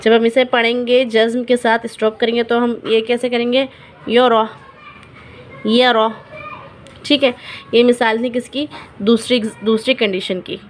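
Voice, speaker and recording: Female recitation teacher, patient, higher-pitched voice, repeats each word slowly, faint background hiss. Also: little pitch movement. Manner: patient, repeats example words slowly, checks in with "ठीक है". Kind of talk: online lesson explaining recitation rules.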